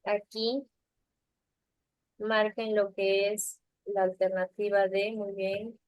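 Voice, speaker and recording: Slow, patient woman teacher on a video call. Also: medium pitch, level tone, dry recording, low-quality recording. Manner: patient, checks understanding with frequent tag questions. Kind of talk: online class lesson. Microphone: computer mic on a video call.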